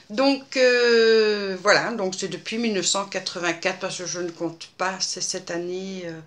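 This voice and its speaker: Woman in her fifties, crisp bright voice, halting and chatty, answering viewer questions. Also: mid-range voice, steady tone. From Belgium. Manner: hesitant, many fillers and restarts. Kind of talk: casual Q&A monologue.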